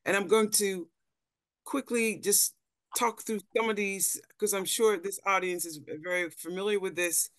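A middle-aged Dutch anthropologist, speaking as a panelist, gives a thoughtful slide lecture over a video call from an indoor room, often repeating words as she searches for phrasing. Her voice is medium-pitched and a bit bright, with a steady tone and measured pace. The recording is studio quality with no room sound.

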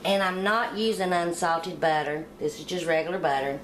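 A middle-aged woman walks through a baking recipe in a homey, plain-spoken way, her voice sitting a little low. She talks casually in a home kitchen, picked up by the camera mic with a faint room hum behind her. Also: fairly even intonation, moderate pace. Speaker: home cooking channel host. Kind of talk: casual cooking demonstration voice-over.

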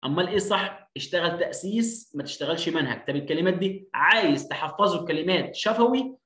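A man's voice: high-pitched, quick pace, a bit bright. A man with an Egyptian Arabic accent teaching English phonics, repeating each word again and again with emphatic stress. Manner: drills words by repeating them, emphatic. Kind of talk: online lesson. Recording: roomy echo.

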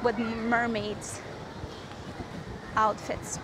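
A woman's voice: fairly high pitch, little pitch movement, drawn-out words, crowd noise. A woman vlogger narrating a casual walking tour outdoors at a resort lagoon, chatty and upbeat as she points things out. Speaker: travel vlogger, tour guide. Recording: outdoor noise, open air.

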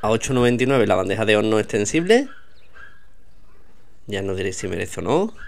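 A man's voice: lowish voice, expressive, fairly quick, gravelly. A man casually walking through a supermarket aisle, pointing out products to his viewers. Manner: chatty, pointing things out to viewers. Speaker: vlogger showing store products. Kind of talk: casual walkthrough narration.

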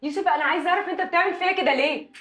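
A woman's voice: very high voice, rapid-fire, a bit bright. An actress with an Egyptian accent playing a young woman who presses her boyfriend with questions. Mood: pleading. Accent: Egyptian Arabic. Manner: pleading, questioning. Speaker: actress in a TV drama series. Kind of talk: TV drama acting.

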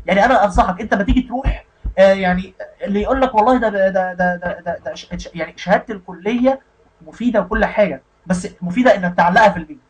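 A man's voice: high-pitched, very fast, slightly rough, rough recording. A man with an Egyptian Arabic accent giving a casual spoken lesson on IT careers, often checking in with the listener. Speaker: IT career instructor.

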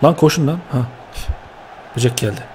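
Excitable young man shouting at a football game. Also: a little high, normal speed, slight background noise. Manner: excitable, shouts at players, frequent slang. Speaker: gaming YouTuber.

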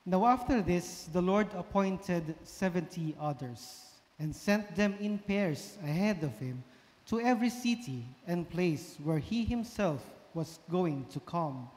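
Guy doing a solemn gospel reading at mass, high voice, big cathedral echo, really slow. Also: expressive, darkish tone. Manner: solemn, measured. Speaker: minister proclaiming the gospel at Mass. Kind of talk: formal liturgical scripture reading. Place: large church sanctuary, indoors. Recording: cathedral echo, long church reverb.

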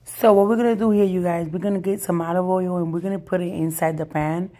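In a home kitchen, a woman who vlogs about cooking on a budget keeps up casual, encouraging chatter with her audience during a demonstration. She speaks quickly in a fairly low, mellow, steady tone, though hoarseness leaves her voice raspy, husky and prone to breaking.

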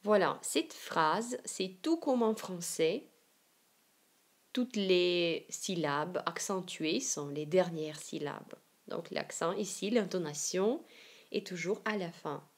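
A woman with a Russian accent gives an online language lesson in a lower-pitched voice. She speaks slowly and carefully, pausing between phrases, and reads examples aloud for her learners to follow. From Siberia, Russia. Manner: slow, careful explanations with example readings.

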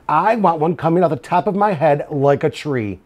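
A stubborn young schoolgirl from a storybook, read by a man at his own average pitch. She is defiant and emphatic, dragging out her refusals. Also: animated, darkish tone. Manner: emphatic, stuttered drawn-out refusals.

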